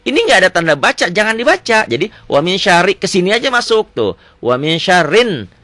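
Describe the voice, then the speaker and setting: A man teaching Quran recitation rules one-on-one, quizzing his student with quick repeated questions. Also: high voice, very animated, sharp tone, no echo. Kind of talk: one-on-one tajwid lesson.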